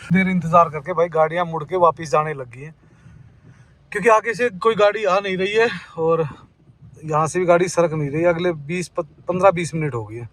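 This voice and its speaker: Poor audio captures a man's fairly high, fairly bright voice talking a little fast from inside a car in traffic. Vlogging his drive with the outdoors around, the travel vlogger addresses viewers as "brother" and sounds uneasy about the roads.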